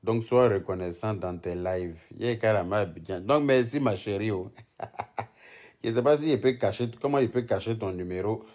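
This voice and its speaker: A man's voice: fairly low pitch, moderate pace, a little mellow. A man doing casual live-stream commentary, teasing and chatty, often breaking into laughter. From Ivory Coast.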